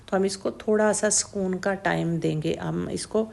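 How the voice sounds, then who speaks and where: A woman teaching tajweed pronunciation, slowly and patiently demonstrating each letter sound over and over and checking that the learner follows. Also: on the low side, steady tone, vocal fry, darkish tone. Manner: mixes English words into Urdu, checks in with "theek hai?". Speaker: Quran recitation teacher.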